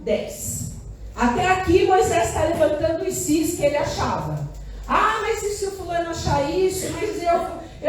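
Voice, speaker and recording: A woman pastor preaching a sermon in an animated way, often asking the congregation "Amém?" and repeating short phrases for emphasis. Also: high-pitched, a little hiss or hum. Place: church hall. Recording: echoey church room, distant mic.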